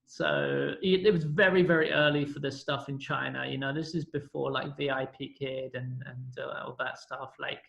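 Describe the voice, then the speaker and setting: This British podcast guest, a Londoner in his thirties, rambles and corrects himself as he tells his story in a casual interview. His medium-pitched voice is creaky and fairly bright, with fairly even intonation, a moderate pace and hardly any pauses. The room is echoey.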